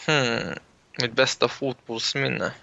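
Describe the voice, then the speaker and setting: Young Swedish footballer telling stories. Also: male voice, mid-range voice, gravelly, dull audio. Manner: relaxed, anecdotal, frequent restarts. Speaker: footballer guest. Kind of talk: casual interview storytelling.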